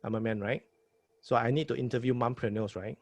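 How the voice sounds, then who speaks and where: Here a podcast host from Singapore coaches a new host in casual, emphatic advice, his Singaporean English full of repeated words and "right?" tag questions. His medium-pitched, slightly mellow voice stays fairly even in intonation and moves at a brisk clip.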